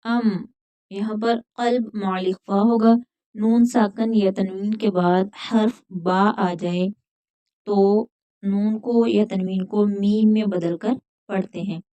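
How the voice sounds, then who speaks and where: A woman teaching Quran recitation, slowly explaining how each letter is sounded. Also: medium pitch, fairly even intonation, warm tone, no echo. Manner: slow drawn-out chanting recitation. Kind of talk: slow, careful recitation lesson.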